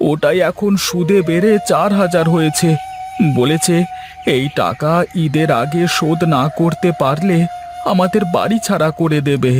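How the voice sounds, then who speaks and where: A man voicing a poor, gentle village father in a cartoon, anxious and pleading. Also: on the high side, normal speed, natural voice. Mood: worried. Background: faint music.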